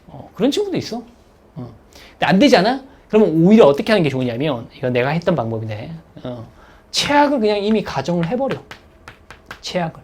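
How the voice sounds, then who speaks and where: A man's voice: high-pitched, fairly quick, husky. A man lecturing as an exam prep instructor, keeps checking in with his listeners. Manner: animated, checks in with listeners, acts out students' thoughts.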